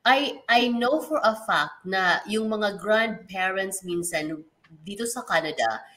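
A woman with a Visayan accent co-hosts a community radio show. She speaks in a reflective, fairly soft manner and drops into laughing asides, with a mid-range voice. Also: mid-range voice, animated, slow, rough recording. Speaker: radio co-host. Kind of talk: casual radio chat.

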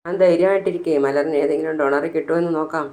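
A man's voice: on the high side, fairly even intonation, quick pace, a little mellow, lightly acted. A narrator voicing a caring young man who reassures a crying mother. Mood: reassuring.

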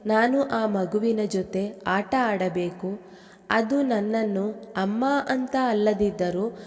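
A woman voicing a hurt young wife who pleads slowly through tears. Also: mid-range voice, darkish tone, in a large hall, close to an everyday voice. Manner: pleading, slow.

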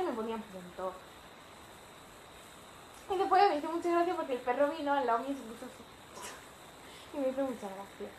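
Teen Spanish vlogger, rambling storyteller, high voice, roomy echo. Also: female voice, slight background noise. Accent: Spanish from Spain. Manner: chatty, rambling with fillers. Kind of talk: casual storytime. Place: home living room.

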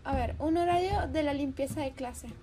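High-voiced woman playing a horror game. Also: normal speed. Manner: chatty, jokey, swears and laughs a lot. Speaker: gaming video host. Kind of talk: horror game let's play commentary. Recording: game music playing loudly behind. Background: game music.

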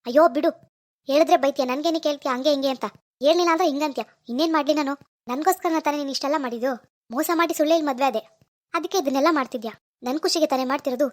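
A woman's voice: sits high, rapid-fire, natural voice. A woman voicing a vain, carefree young wife who talks in a boastful, defiant way. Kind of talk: cartoon voice acting.

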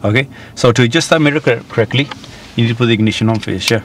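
A medium-pitched man in his thirties races through instructions to a learner driver, frequently checking with a "yeah?" in conversational question and answer. They're in a parked car, with noticeable car-cabin background noise.

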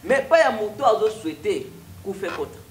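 A young man with a Congolese accent preaches his story in a TV studio, his voice rising and falling with lively energy. He moves between French and Lingala, and the room adds a roomy echo over a faint hiss. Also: high voice, brisk. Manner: animated, switches freely between French and Lingala. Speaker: prophet guest. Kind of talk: preaching testimony in studio interview. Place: TV studio with stone wall backdrop.

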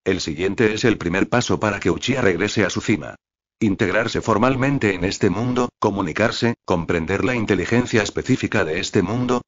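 This audiobook is narrated by a man with a deep voice at an even, steady pace and with little expressiveness. The sound is muffled and lo-fi, as though the highs were cut.

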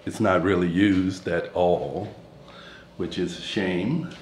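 Deep-voiced man on a slow house tour. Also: fairly even intonation, a little mellow, slight background noise. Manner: rambling and chatty, pauses with fillers. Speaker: vlogger giving a house tour. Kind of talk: casual walking-tour narration. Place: inside a two-story house, partly out on a balcony. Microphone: phone camera handheld while walking.

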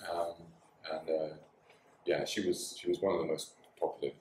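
Low-voiced guy chatting easy in a small bar, echoey, mic kinda far off. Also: level tone, moderate pace, a little mellow, a little hiss or hum. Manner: easygoing, laughs often, trailing fillers. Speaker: bar and dojo owner, interview guest. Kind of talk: relaxed conversational interview. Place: small bar with signed walls, indoors. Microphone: far camera in the room. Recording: echoey room from a distance.

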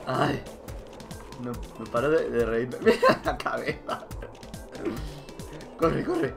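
A young man with a Spain Spanish accent, giggling and shouting through a gaming commentary, laughing at nearly everything. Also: mid-range voice, slow, creaky, music in the background. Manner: laughing constantly, loud exclamations, swearing. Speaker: gaming YouTuber. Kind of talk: let's play commentary.

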